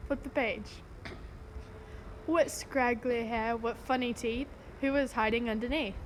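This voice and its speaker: A woman's voice: on the high side, measured pace. Woman reading a picture book aloud. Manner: sing-song, animated storyteller cadence. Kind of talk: read-aloud storytime. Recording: noisy home recording.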